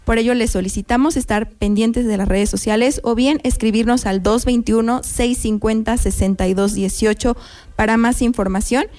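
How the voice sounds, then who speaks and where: A Mexican woman with a fairly high voice speaks as a radio guest, promoting a university program in an upbeat way. She lays out details clearly and repeats them for listeners. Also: steady tone, normal speed, a little mellow. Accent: Mexican Spanish. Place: radio studio.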